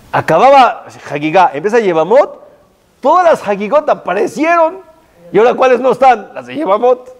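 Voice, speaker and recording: A man, a rabbi giving a sermon, telling the story with lively rhetorical questions to his listeners and Hebrew terms mixed in. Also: high voice.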